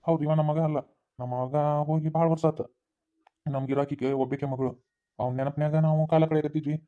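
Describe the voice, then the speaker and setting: A man playing a sad village father in a cartoon, with a North Karnataka accent, speaking slowly. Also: fairly high pitch, lightly acted. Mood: sorrowful. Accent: North Karnataka Kannada. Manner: slow, flat and sorrowful. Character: middle-aged village father, sad and confessing. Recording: tinny phone-like sound.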